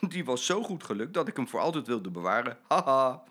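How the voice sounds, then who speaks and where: A man's voice: medium pitch, very animated, quick pace, a bit bright, husky. An older man voicing a cheerful, joking father in a children's story he reads aloud. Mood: jovial.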